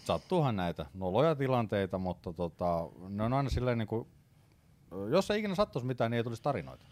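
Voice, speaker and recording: Animated, laughing man telling stories. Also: medium pitch. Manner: animated storyteller, laughs often, bursts into loud shouts when quoting himself. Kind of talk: casual chat.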